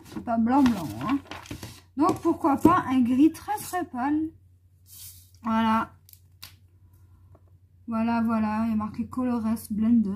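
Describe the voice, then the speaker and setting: A woman talks slowly and unhurriedly in a casual haul vlog. Her voice is soft and mellow. She thinks aloud and speaks to her viewers as friends. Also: mid-range voice, husky. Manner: chatty, thinking aloud while testing colors; addresses viewers familiarly. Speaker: YouTuber presenting art markers.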